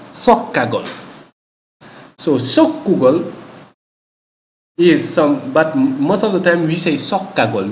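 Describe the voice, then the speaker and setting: A man teaching a language lesson, saying each word slowly, repeating it and often checking in with "okay?". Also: medium pitch, a little hiss or hum. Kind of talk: vocabulary lesson. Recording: echoey room with faint ambience.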